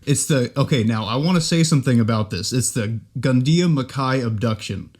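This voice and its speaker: A man's voice: medium pitch, brisk, a little mellow. A young man from California co-hosts a podcast, chatting casually. He jokes a lot, rambles, and pokes fun at himself. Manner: joking, rambling, self-deprecating. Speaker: podcast co-host. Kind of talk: casual chat.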